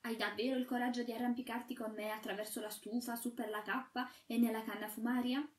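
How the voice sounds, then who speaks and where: A woman's voice: on the high side, flat delivery, a little fast, roomy sound, far from the mic, lightly acted. A woman voicing a devoted young porcelain chimney sweep who speaks in an earnest, encouraging way.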